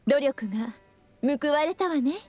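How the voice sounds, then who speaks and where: High coy teasing mage girl for a game, sing-songy. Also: expressive, unhurried, a little mellow, faint music behind. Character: playful, teasing female electro mage. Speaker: game character, Japanese dub.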